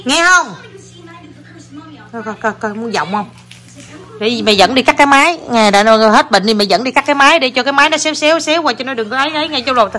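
A mother, chatting casually to viewers in a family vlog while talking with her daughter, animated and quick to laugh. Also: a little high, faint music behind.

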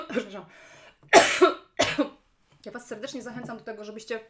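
A woman's voice: fairly high pitch, steady tone, fast talker, bright, forceful tone. A woman with a chesty cough, chatting casually to viewers on a live stream and often addressing them directly. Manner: chatty, repeatedly checking in with questions to listeners. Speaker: live-stream host, business coach and speaker. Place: at home, indoors.

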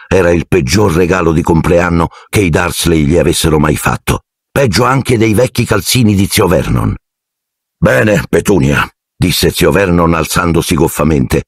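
Deep, husky male audiobook narrator. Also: moderate pace, no room sound, clean studio sound. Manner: expressive, theatrical reading.

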